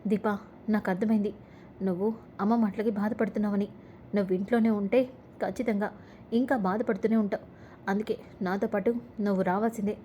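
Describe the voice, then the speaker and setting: Give me a woman doing a firm young family man with a dark, mellow voice. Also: mid-range voice, steady tone, fairly quick, pauses often, a little hiss or hum, natural voice. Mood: coaxing. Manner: sharp scolding toward his mother.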